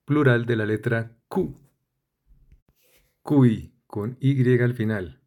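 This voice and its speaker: A man slowly reads dictionary entries, one short word after another. He takes his time and spells out how each word ends. His voice sits at an ordinary middle pitch. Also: darkish tone. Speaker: dictionary reader. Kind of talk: reading dictionary entries aloud.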